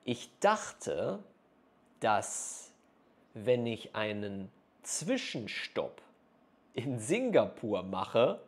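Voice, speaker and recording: Very slow, carefully spoken man. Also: medium pitch. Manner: very slow, carefully articulated phrases with pauses. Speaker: German teacher vlogger. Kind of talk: slow, clear speech for learners. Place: small room indoors. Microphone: clip-on lapel mic.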